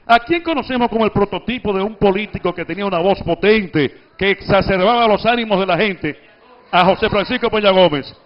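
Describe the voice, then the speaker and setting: A man's voice: high voice, brisk, highs cut off. A man giving a public speaking workshop, explaining and quizzing his audience. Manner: didactic, addresses audience with questions. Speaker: oratory instructor. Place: workshop at a book fair.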